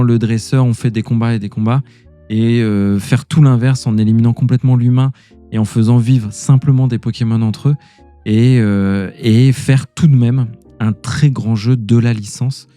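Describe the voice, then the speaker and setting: A man hosting a podcast in casual chat, choosing his words in hesitant, measured phrases. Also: medium pitch, fairly even intonation, mellow, faint music behind. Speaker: podcast host. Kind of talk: casual game review and chat.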